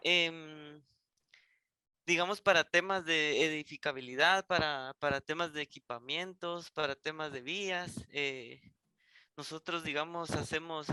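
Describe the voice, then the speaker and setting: A man's voice: a little high, sharp tone, smooth, dry recording. A man from Guatemala with a Guatemalan accent commenting in an online Q&A, hesitant and often asking "right?". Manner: hesitant, repeats "¿verdad?". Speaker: audience participant. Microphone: video call.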